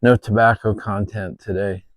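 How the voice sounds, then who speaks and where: A man chatting casually to camera outdoors in his backyard, with a hesitant, pausing delivery. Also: on the low side, flat delivery, no room sound. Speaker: vlogger.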